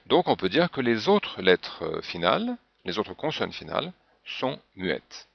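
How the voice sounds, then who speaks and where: A man's voice: on the low side, big pitch swings, unhurried, vocal fry, breathy edge, dry recording. A man teaching a French pronunciation lesson, patiently spelling out example words one by one. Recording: dull, dry lo-fi recording.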